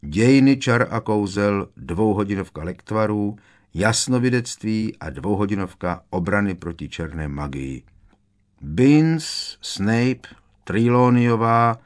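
A man's voice: lowish voice, lively intonation, lightly acted. A man voicing a grumpy, whiny teenage schoolboy in an audiobook reading. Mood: grumbling.

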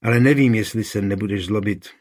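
A man's voice: fairly low pitch, close to an everyday voice. A man voicing an anxious, devout young village woman who pleads in a raised, fretful voice. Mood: worried.

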